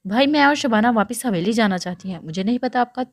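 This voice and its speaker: A woman's voice: a little high, animated, no echo. Brief: a teary young girl pleading to be let go, voiced by a woman narrator. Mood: insistent.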